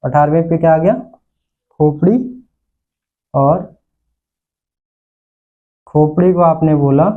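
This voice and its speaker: High-voiced man teaching Sanskrit vocabulary. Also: steady tone, slow, long pauses, phone-quality sound. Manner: repeats words, asks and answers own questions. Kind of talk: classroom lecture. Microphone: recorded lesson video.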